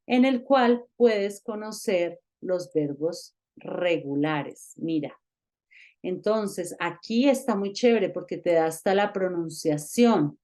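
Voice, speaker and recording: A woman teaches an online grammar lesson. She speaks slowly, with a mid-range voice. She explains rules step by step and checks in with the learner often. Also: medium pitch, darkish tone. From Colombia. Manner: patient, explanatory, addresses the learner directly with check-ins. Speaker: English teacher.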